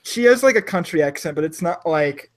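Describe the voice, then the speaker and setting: This man's fairly high, expressive voice moves briskly as he runs a tabletop game. He's from South Florida, has no accent, and keeps it casual and chatty with plenty of fillers, "like," and restarts.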